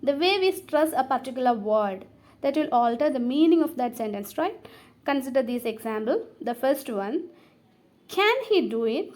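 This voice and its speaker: A woman lecturing on language history, pausing often with fillers and restarting her sentences. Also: high voice, animated, a little mellow. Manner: halting, many fillers and restarts. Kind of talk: classroom lecture.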